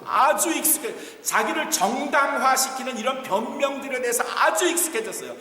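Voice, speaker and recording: A male pastor giving a Sunday sermon as an animated preacher who tells stories and acts out scenes. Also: very high-pitched, a little fast, slight background noise. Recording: echoey church hall from far off.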